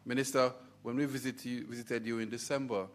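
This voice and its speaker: A man with a Jamaican accent, a college head giving a formal, emphatic ceremonial speech with stressed words and pauses. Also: mid-range voice, level tone. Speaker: university college head speaking at a scholarship launch.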